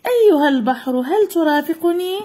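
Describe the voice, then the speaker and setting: Woman putting on a high eager wind figure, storybook reading, very high pitch. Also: lively intonation, fairly quick, mellow. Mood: inviting. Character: restless female wind looking for a companion.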